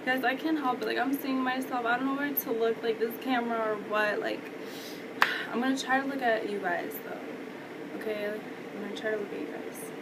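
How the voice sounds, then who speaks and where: A woman's voice: on the high side, fairly even intonation, normal speed. A young adult American woman telling a story in a casual, slangy, sweary vlog style, recorded indoors on a camera mic. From United States. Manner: informal, slangy, frequent swearing. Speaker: vlogger. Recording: loud fan noise in background. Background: whirring electric fan.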